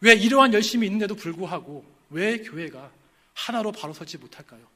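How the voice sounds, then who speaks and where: A male pastor delivers a sermon in a high, bright, ringing voice. He leans on rhetorical questions, lifting them to emphatic peaks before sinking low at the close. When he lists the virtues one by one, he slows to a deliberate pace. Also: lively intonation.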